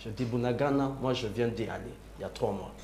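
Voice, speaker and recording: A Congolese-accented man from DR Congo argues as a panelist in a political debate, talking fast in a mid-range, darkish voice. He's personal and insistent, often repeating his phrases, and the room is very echoey with a faint hum.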